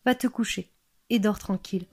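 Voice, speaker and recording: A woman voicing a small, gentle female frog princess in a storybook reading, with a soft, tender little voice. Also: medium pitch, moderate pace, lightly acted.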